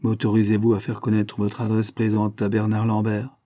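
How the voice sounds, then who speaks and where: Man doing a formal police inspector, measured, dry husky dark voice. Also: lowish voice, monotone, no echo, lightly acted. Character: earnest, dutiful male police inspector.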